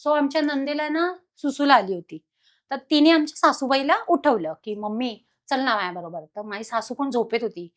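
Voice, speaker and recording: A woman guest telling a personal haunting story in an animated, dramatic way. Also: high-pitched, moderate pace. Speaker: podcast guest.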